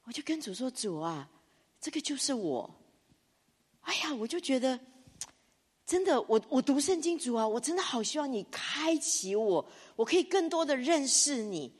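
A woman pastor preaching a sermon, swinging between hushed low reflection and high, loud emphatic bursts. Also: big pitch swings, normal speed, husky. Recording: long hall reverb.

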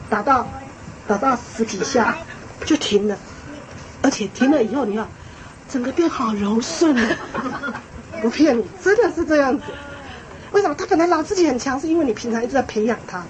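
A woman giving a lecture on parenting to an audience, lively and emphatic, repeating phrases and laughing lightly as she talks. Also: sits high, slight background noise, low-quality recording. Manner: frequent small laughs. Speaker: parenting speaker.

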